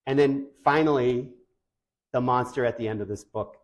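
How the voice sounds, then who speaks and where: A man's voice: mid-range voice, moderate pace. A man giving an informal presentation to parents of deaf children, enthusiastic and conversational, with loose, chatty phrasing.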